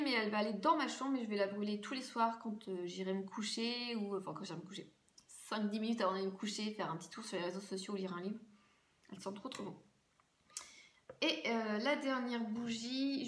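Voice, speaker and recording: A French woman chatting casually through a haul video, rambling and full of fillers. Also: a little high. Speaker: beauty vlogger. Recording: echoey room with faint noise.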